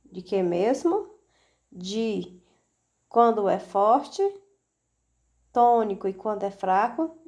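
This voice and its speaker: A woman's voice: a little high, darkish tone. A woman teaching a recorded video lesson for children, speaking patiently and asking rhetorical questions as she goes. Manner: slow, patient, asks rhetorical questions with frequent "né?".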